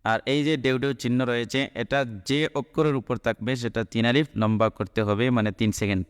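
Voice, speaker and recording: A man teaching how to recite a short Quran chapter, spelling out each letter and vowel mark before chanting the verse in long, drawn-out tones. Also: medium pitch, clean tone. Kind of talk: slow recitation lesson. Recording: long echoing reverb.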